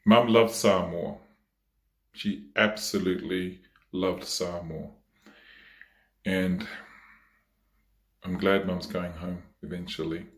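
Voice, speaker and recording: A man giving a eulogy for his mother at a memorial service, talking slowly and haltingly with many pauses and fillers. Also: low voice, flat delivery, roomy sound.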